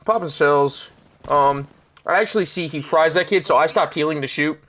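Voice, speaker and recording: A man's voice: on the high side, normal speed, fairly bright tone. A young man giving casual, laid-back commentary over his own gameplay, chuckling often and poking fun at himself. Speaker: gaming commentator. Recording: dull lo-fi mic.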